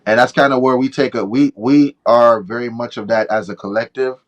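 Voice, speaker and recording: A man's voice: mid-range voice, steady tone, fairly quick, muffled recording. A man hosting a casual podcast chat, talking in a laid-back, thoughtful way with plenty of slang. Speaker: podcast host.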